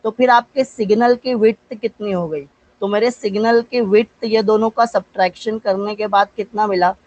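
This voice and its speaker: Teaching physics in a live online class, this man from India speaks with an Indian accent in a high voice of fairly even intonation and darkish tone. He asks his own questions and answers them, dictates English definitions slowly, and names students to respond. The recording is muffled.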